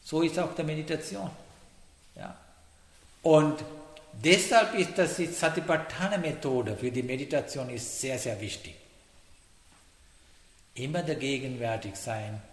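A man giving a meditation talk in halting German, often checking in with a questioning "ja?". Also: mid-range voice. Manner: halting non-native German, frequent "ja?" checks. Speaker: meditation teacher. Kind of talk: dharma talk. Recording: echoey hall, faint noise.

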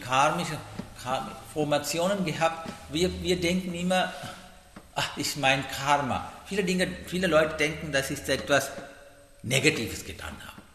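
A man giving a Buddhist dharma talk, speaking haltingly in broken grammar and checking in with the listeners often. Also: a little high, a bit bright, reverberant, long reverb tail, a little hiss or hum. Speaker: Buddhist teacher.

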